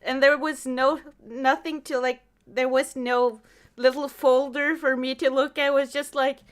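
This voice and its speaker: With a high-pitched, unhurried voice, a woman chats casually as host of a podcast. She's a lively storyteller who acts out how she reacted.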